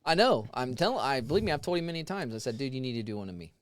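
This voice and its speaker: A fast-talking man chats casually as a podcast co-host. His mid-range voice is recorded dry, and his talk is blunt, slangy and full of swearing. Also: mid-range voice, big pitch swings, no room sound. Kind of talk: casual chat.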